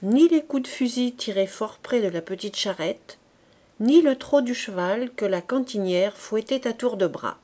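A woman narrating a classic novel in a measured, clear storytelling manner. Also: on the high side, lively intonation, warm tone. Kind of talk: reading a classic novel aloud.

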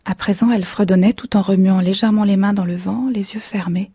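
A woman narrating a story in a soft, hushed, whispered reading. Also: mid-range voice, steady tone, a little fast, breathy edge, no echo, clean studio sound.

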